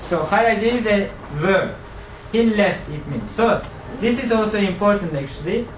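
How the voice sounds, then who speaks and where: A man's voice: sits high, expressive, moderate pace, recorded from a distance, a little hiss or hum. A man teaching a classroom grammar lesson, quizzing students and repeating their answers back to them. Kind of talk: classroom lecture with student drills. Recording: echoey room picked up from afar.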